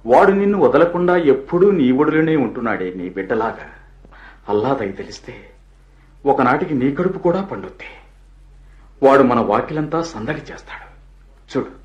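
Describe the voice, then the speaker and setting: An actor playing a gentle husband who tells his wife how he found a lost boy, in a radio play. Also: medium pitch, moderate pace, long pauses, lightly acted. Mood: tender. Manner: tender, lively storytelling tone. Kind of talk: radio drama acting. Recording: echoey, dull lo-fi radio drama recording.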